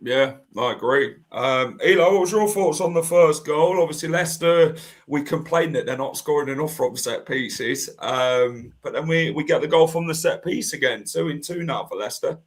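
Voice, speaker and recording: Higher-voiced man hosting football chat. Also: normal speed. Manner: leads the talk, asks co-hosts questions. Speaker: podcast host.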